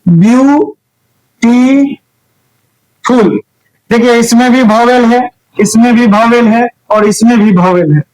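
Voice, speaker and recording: A man's voice: very high voice, steady tone, measured pace, darkish tone, poor audio. A young adult man with a Bihari accent teaching grammar, explaining step by step and often checking whether the class is following. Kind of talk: recorded grammar lesson.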